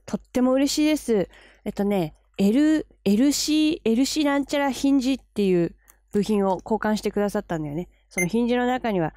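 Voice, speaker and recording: A woman vlogging in a casual, chatty way, gushing and quick to laugh as she unboxes gear. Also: on the high side, dark tone, no echo. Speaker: camera vlogger. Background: background music.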